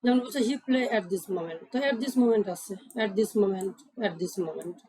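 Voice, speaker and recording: A woman's voice: mid-range voice, slow pace, warm tone, low-quality recording. A woman teaching English grammar rules step by step. She asks questions and then answers them herself, and she repeats the key points.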